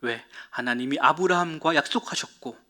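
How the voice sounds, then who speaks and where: A man preaching to children in a fairly high, bright and forceful voice. He tells the story like a storyteller, asks the young listeners questions and answers them himself. At dramatic moments he sinks into a hushed whisper. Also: moderate pace. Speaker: Sunday school preacher.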